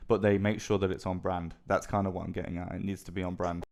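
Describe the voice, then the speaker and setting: Low, flat-toned man pitching on a call. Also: fast. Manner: persuasive, business-like, checks for agreement. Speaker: agency sales caller. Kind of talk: sales pitch over a phone call.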